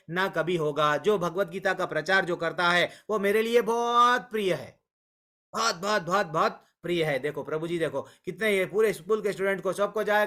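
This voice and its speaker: A man's voice: high-pitched, sharp tone. A man teaching a devotional scripture class, earnest and coaxing, who repeats words for emphasis and mixes in English words. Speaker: Bhagavad Gita class teacher.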